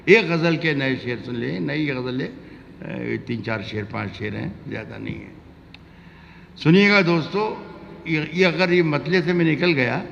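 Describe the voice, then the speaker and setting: A man's voice: medium pitch, vocal fry. A man speaking as a poet to his audience, with informal, conversational asides and explanations between verses. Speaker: poet addressing the audience at a mushaira. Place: poetry gathering with audience, reverberant hall. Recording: muffled, noisy recording in a reverberant hall.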